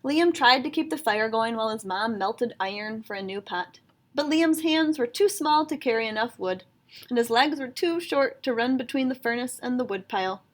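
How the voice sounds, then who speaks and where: A woman reads a children's picture book aloud with expressive storytelling. Her voice is fairly high and her pace moderate.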